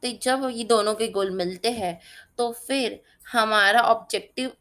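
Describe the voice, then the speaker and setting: Chatty woman tutor, higher voice. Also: measured pace, a bit bright. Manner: chatty, keeps checking "theek hai?" and uses everyday examples. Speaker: exam-prep tutor. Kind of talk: casual spoken lesson.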